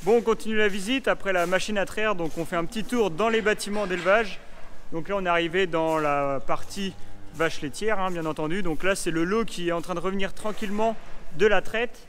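Filmed on a handheld action camera at arm's length, a man in his twenties gives an eager, chatty farm tour vlog through a large barn and milking parlour, often using fillers. He speaks briskly in a high, fairly bright voice, with slight background noise.

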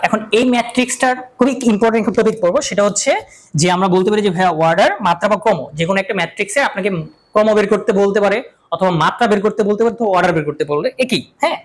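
Man, math teacher, rapid delivery, classroom lecture, self-answered questions, repeats key terms. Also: high voice, low-quality recording. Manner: asks questions and answers them himself.

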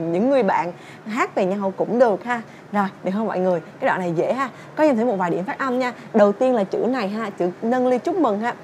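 A woman's voice: medium pitch, a little mellow, slight background noise. A young woman teaching English through a song, chatty and casual, singing lines and then explaining them. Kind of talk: song-based English pronunciation lesson.

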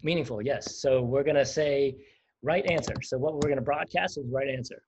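A man's voice: medium pitch, brisk, a little mellow, slight background noise. A man teaching a livestreamed coding lesson, chatty and explanatory, often laughing. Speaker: coding instructor. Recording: dull lo-fi stream audio.

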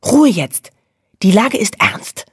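A woman voicing a fearless, bossy young female dormouse who gives brisk, conspiratorial commands. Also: lowish voice, lively intonation, a little mellow, breathy edge, no echo, clean studio sound.

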